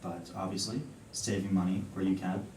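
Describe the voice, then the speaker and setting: Young man, deep voice, client in a role-play conversation, deliberate and emphatic, distant echoey recording. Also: little pitch movement, darkish tone. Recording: echoey room, distant mic, faint rumbling noise.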